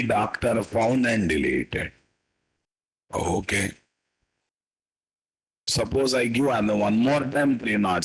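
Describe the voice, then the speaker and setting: Teaching live coding, a programming instructor speaks in a husky voice of fairly low pitch and fairly bright tone, with a Telugu-influenced Indian accent. He says things more than once and checks on listeners using tag questions.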